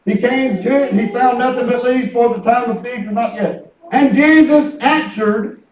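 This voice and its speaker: Male preacher, fifties, rural Southern US twang, very high voice, excitable folksy storyteller; echoey room. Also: normal speed. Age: 50s. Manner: excitable, colloquial, chuckles through anecdotes. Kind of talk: folksy, rambling sermon with storytelling. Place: church hall with responding congregation. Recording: echoey church room, distant microphone.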